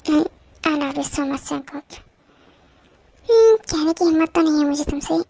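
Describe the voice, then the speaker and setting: A loving young wife facing surgery, voiced by a woman. She speaks softly and affectionately in a very high voice, and the recording is dry and close with no room sound. The scene is from a fan-made audio drama. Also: unhurried, vocal fry, no echo. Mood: tender.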